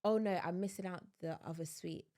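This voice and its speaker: A young adult woman co-hosting a podcast, telling a story in casual chat with lively animation and frequent laughter. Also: fairly low pitch, a little fast. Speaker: podcast co-host.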